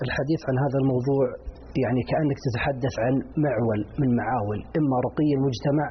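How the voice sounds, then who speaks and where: A man's voice: medium pitch, fairly even intonation, racing. A Saudi man, an educator, answering as a guest in a studio interview. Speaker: guest educator, former school principal. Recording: dull lo-fi audio, faint noise.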